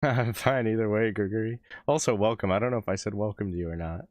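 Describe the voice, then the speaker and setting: A man's voice: lowish voice, steady tone, fast, a little mellow, dry recording, studio quality. A man who is losing his voice, hosting a music reaction live stream and chatting casually with viewers, rambling and laughing between thoughts. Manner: rambling, self-interrupting, laughs often.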